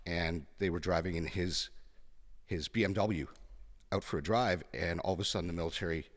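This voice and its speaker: A man in his fifties with a deep voice talks as a podcast guest, blunt and frank, pausing on fillers as he tells his story. A long reverb hangs on his words, as if the room rings. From Kenya. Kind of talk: conversational interview.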